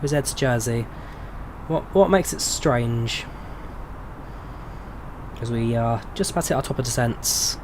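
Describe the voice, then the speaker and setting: Speaking a little slowly with long pauses, this medium-pitched flight sim streamer chats casually with his live viewers and answers their questions amid background noise. He's in his 20s, from England with an English accent, relaxed and chatty with lots of ums.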